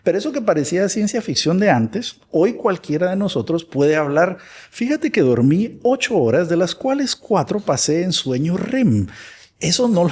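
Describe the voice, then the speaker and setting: Interview guest: a man from Guatemala with a husky voice, animated, acting out little dialogues. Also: a little high. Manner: animated, acts out imagined dialogues. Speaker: guest expert. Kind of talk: conversational interview.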